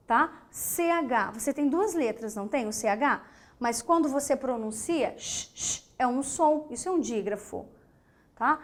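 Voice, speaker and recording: A woman teacher with a Brazilian Portuguese accent giving a grammar lesson, emphatic, repeating key words and checking in with the class. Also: high voice.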